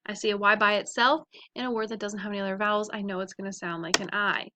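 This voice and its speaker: A woman teaching a phonics lesson to young children, sounding out letters and words slowly and clearly. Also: medium pitch, steady tone, noisy background.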